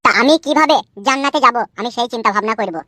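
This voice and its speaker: A woman's voice: on the high side, very fast, sharp tone, no echo, clean studio sound. A woman voicing an uneducated young man who earnestly rambles about the meaning of life in a comedy cartoon.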